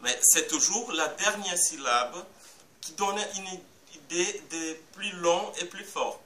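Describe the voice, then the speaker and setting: A man teaches French phonetics and breaks words into syllables one at a time. He talks very slowly in a bright, somewhat high voice. The sound is roomy and a little distant, with faint background hiss. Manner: slow, careful explanation with spelled-out syllables. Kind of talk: phonetics lesson. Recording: echoey room, a bit far from the mic.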